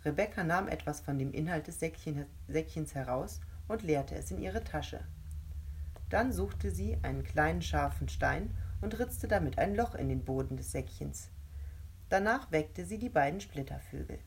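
A woman narrating a children's storybook in a calm, steady reading voice. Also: low voice, normal speed, breathy edge.

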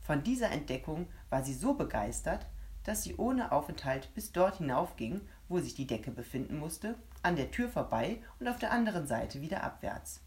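A woman narrating a children's story in steady storytelling. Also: deep voice, moderate pace. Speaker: audiobook narrator.

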